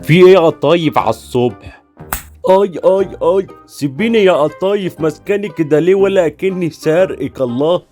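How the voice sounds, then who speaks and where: A man's voice: a little high, brisk, a little mellow, faint music behind, lightly acted. An actor voicing a cowardly, teasing young man in a comic radio serial, speaking with an Egyptian accent in a whiny, evasive way. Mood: whining. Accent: Egyptian Arabic.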